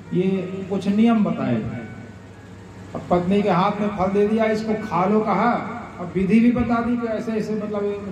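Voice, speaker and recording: A man's voice: high-pitched, background noise. A male religious storyteller delivering a sermon, explaining the tale and reciting Sanskrit verses to an audience in a large hall. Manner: explanatory, quotes Sanskrit verses and acts out quoted speech. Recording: echoey hall, far mic, dull sound, crowd.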